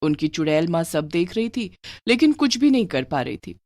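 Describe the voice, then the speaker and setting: Woman narrating a cartoon story, very lively pitch, dry close sound. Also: moderate pace, no room sound.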